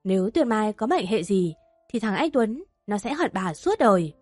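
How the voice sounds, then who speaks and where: A woman's voice: mid-range voice, sing-song, moderate pace, no echo, soft background music. A woman voicing an older husband who angrily accuses his wife. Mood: accusing. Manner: loud, accusing.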